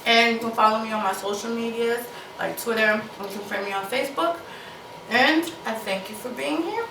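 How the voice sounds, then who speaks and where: Cooking host, female, higher voice, casual and chatty, echoey kitchen, mic a few feet off. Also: normal speed, creaky, noisy background. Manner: casual, chatty, repeats herself, talks with mouth full while tasting. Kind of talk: home cooking demonstration. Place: home kitchen. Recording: echoey kitchen, mic at a distance, clatter of dishes.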